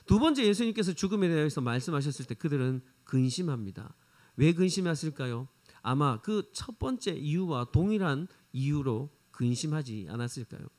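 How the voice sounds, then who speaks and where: A male preacher delivers a sermon in a high voice that swings widely up and down. He keeps asking rhetorical questions and retells the scene dramatically. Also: animated, moderate pace, a little mellow.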